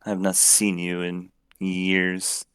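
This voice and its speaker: A man's voice: low-pitched, completely flat delivery, slow, fairly bright tone, clear, resonant tone, dry recording. A man voicing a scornful female archdevil who talks in a cold, mocking way. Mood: sneering. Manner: sneering, sardonic.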